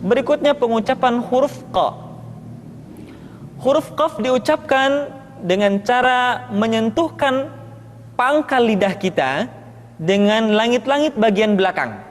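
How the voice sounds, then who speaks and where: A man teaching Quran letter pronunciation, drilling syllables slowly and chanting practice lines. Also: extremely high pitch, lively intonation, slight background noise. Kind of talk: slow instructional pronunciation lesson. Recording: long hall reverb.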